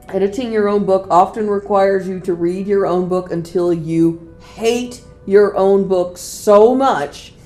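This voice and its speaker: A woman's voice: mid-range voice, slow, mellow, faint music behind. Chatty, self-deprecating podcast woman. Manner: conversational, self-deprecating, leads the discussion. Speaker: podcast co-host. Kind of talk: casual chat.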